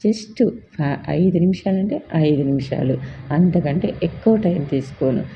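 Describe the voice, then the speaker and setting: A man's voice: on the high side, lively intonation, a little slow, creaky, dull audio, a little hiss or hum. A storyteller voicing a cheerful young man who teases and coaxes a woman. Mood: coaxing. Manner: teasing, coaxing.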